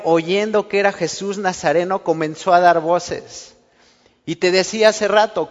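A man preaches a sermon. He keeps it conversational and acts out little everyday exchanges. The sound is muffled and carries a long church-hall reverb. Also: high voice. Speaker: pastor.

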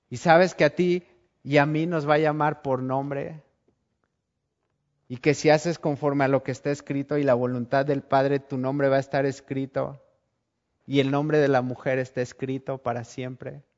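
A man preaching a sermon, telling Bible stories in an animated way and acting out the scenes. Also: medium pitch. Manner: animated storytelling, acts out scenes. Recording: dull lo-fi recording.

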